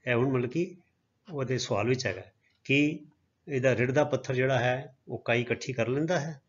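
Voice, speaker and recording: A man teaching a recorded grammar lesson in Punjabi. He reads English example sentences slowly and chants scripture quotes. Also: medium pitch, husky. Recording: dull lo-fi audio.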